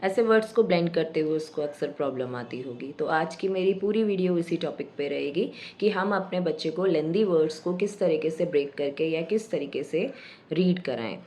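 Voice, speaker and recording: A woman teacher explaining reading methods to parents at an unhurried pace, sometimes sounding out word parts slowly. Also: low-pitched, expressive, warm tone. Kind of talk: home tutorial for parents. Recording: echoey room with faint background noise.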